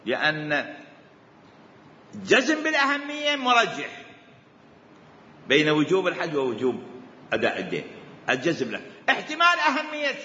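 A man's voice: fairly high pitch, sharp tone. A man with an Iraqi Arabic accent teaching religious law, firing off repeated rhetorical questions. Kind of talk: jurisprudence lecture. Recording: echoey hall, dull lo-fi sound, faint hiss.

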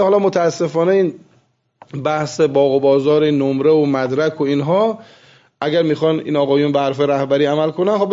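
A man teaching seminary students, lecturing with animated storytelling and soft asides. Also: a little high. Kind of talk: classroom lecture with anecdotes. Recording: muffled lo-fi recording.

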